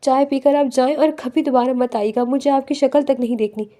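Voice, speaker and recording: A woman's voice: sits high, fairly even intonation, brisk, dark tone, natural voice. A woman voicing a young office worker in a read-aloud novel, pleading and tearful. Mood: frightened.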